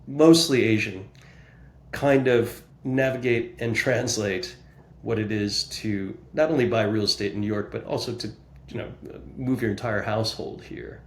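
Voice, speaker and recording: An American real estate broker from New Jersey, guesting on a podcast, introduces himself and his work in a conversational way. His voice is mid-range and reverberant.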